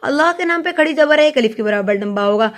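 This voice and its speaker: A woman with a bright, high voice guides learners through recitation. She speaks patiently and step by step, sounding out each letter before she explains the rule behind it. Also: lively intonation. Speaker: Quran recitation teacher. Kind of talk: tajweed lesson, slow recitation then explanation.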